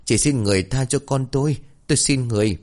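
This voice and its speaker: A man's voice: mid-range voice, fast talker, darkish tone, pitched above the performer's own voice, natural voice. A man voicing an old woman in her seventies begging a spirit to spare her child. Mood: pleading. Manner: begging prayer.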